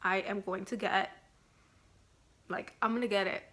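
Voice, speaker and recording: A woman's voice: medium pitch, steady tone, normal speed, fairly bright tone. Woman vlogging, just chatting and rambling, says like every other word, normal mid voice. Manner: rambling, fills speech with "like". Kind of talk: casual pregnancy update vlog.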